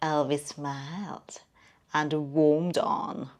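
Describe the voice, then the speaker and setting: Female storyteller, slow and lively, low voice that slips into whispers. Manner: slow, expressive, often drops to a whisper. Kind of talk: children's storytelling narration.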